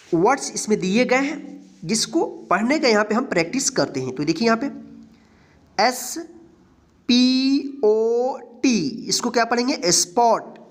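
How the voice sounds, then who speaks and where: A man teaching English phonics in Hindi. He spells words out letter by letter, then explains the rules quickly. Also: high-pitched, a bit bright.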